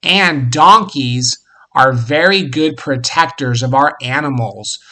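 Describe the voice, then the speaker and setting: A man hosting an educational show for young children, talking simply and encouragingly as if reading to a toddler, with animated emphasis. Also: medium pitch, slow pace. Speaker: host of a children's farm show.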